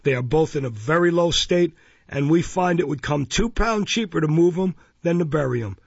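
A man's voice: a little high, animated, moderate pace, gravelly, husky, no room sound, voice pushed up, full character voice. Man voicing a self-important stately beadle, dry dull recording. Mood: smug. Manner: pompous, stately. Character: pompous self-important male parish beadle.

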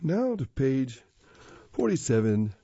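A man reading magazine stories and articles aloud in a steady, measured way. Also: mid-range voice, dry recording. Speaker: magazine reader. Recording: dull lo-fi recording.

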